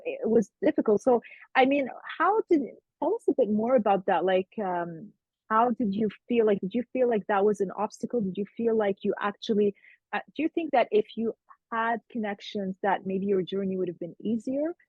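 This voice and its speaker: A woman's voice: on the high side, breathy edge, no room sound. A woman interviewing a guest in casual conversation, talking in a chatty way with lots of fillers and restarts over a video call. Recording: tinny phone-like line, dry.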